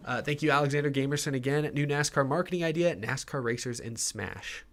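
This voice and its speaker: A man's voice: medium pitch, brisk, a bit bright. A man in his twenties hosting a live racing podcast, reading out viewer questions in a loose, rambling way. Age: 20s. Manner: casual, rambling, reads out super chats. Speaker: podcast host.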